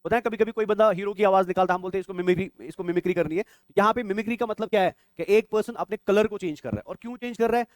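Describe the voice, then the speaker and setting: Man, biology exam-prep lecture, high quick voice, quizzing students, dry close sound. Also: no echo. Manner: quizzing students with rapid questions, calling them "beta". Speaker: biology teacher.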